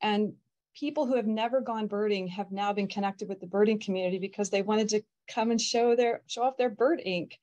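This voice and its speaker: Mellow-voiced middle-aged woman on a video call. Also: medium pitch, brisk, lo-fi sound. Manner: fluent, upbeat and earnest. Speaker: birding festival organizer. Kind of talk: casual panel discussion.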